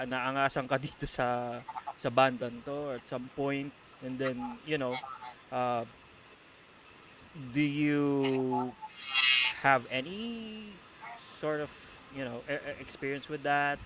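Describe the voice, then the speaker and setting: A man's voice: mid-range voice, fairly bright tone, slight background noise, rough recording. A man hosting a podcast, asking rambling questions full of hesitations. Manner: hesitant, many fillers. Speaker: podcast host. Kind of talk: casual interview questions.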